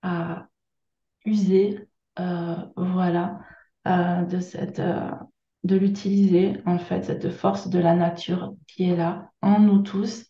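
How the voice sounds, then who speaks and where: A woman from France with a southern French accent, speaking gently and haltingly as a guest on a video-call interview, with many pauses and fillers. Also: lowish voice, little pitch movement, roomy sound, dull audio. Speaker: guest workshop leader. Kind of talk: hesitant conversational interview.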